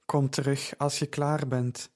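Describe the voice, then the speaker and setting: A man's voice: mid-range voice, level tone, a little slow, darkish tone, lightly acted. A man reading a weary, kind-hearted woman. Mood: dry kind.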